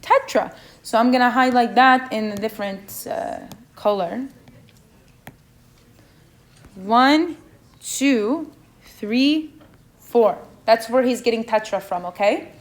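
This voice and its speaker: Speaking slowly in a slightly high voice, a young non-native English speaker leads a chemistry review session. She asks the students questions and keeps checking in with "okay?"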